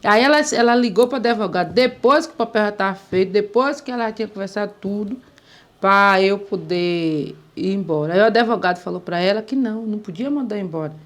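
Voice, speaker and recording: A woman's voice: mid-range voice, fairly quick. A woman, telling a story in casual talk and acting out the voices she quotes. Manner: animated, acts out quoted voices. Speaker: interviewee.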